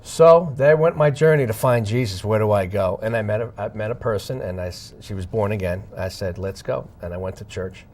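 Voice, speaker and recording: A man sharing a personal testimony as an interview guest, speaking dramatically and swinging between hushed and loud passages while acting out the dialogue he recalls. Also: lowish voice, a little fast, hardly any pauses. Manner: acts out dialogue in his retelling. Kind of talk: emotional storytelling.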